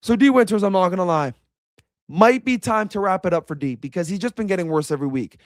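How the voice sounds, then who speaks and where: A man's voice: high voice, quick pace, no room sound, studio quality. A young man giving a heated, blunt reaction rant as a sports commentator. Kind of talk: ranting reaction video.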